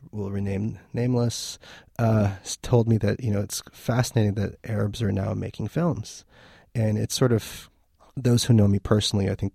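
A man's voice: lowish voice, vocal fry, mellow, slightly rough, dry recording, clean studio sound. A man from Lebanon, a film festival organizer, talking thoughtfully in a radio interview with frequent restarts.

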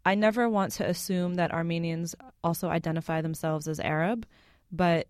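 A woman's voice: lowish voice, steady tone, normal speed, a little mellow, smooth, no echo, clean studio sound. A woman radio host asking careful, tentative interview questions.

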